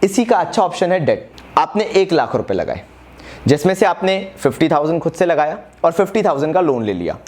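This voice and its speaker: Brisk man teaching an exam revision lesson. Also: on the high side, sing-song, a little mellow. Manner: brisk, direct, coaxing students to write quickly; mixes English terms into casual speech, calls students brother. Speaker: commerce teacher. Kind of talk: fast exam-revision lecture.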